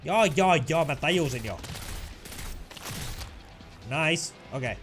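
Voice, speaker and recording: Lively excitable gamer man. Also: a little high. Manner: excitable, makes sound effects, chatty. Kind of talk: let's play commentary.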